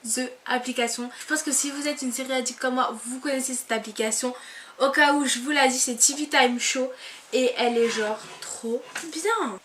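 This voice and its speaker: A young woman chatting casually to camera from her bed, relaxed and full of fillers. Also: fairly high pitch, a little hiss or hum. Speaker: vlogger.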